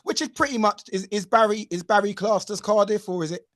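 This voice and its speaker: Male podcast host, slightly high, talkative and loose, dry close mic. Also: fairly quick, fairly bright tone, no echo. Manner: chatty, filler-heavy, keeps asking "you know what I mean". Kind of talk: casual podcast interview.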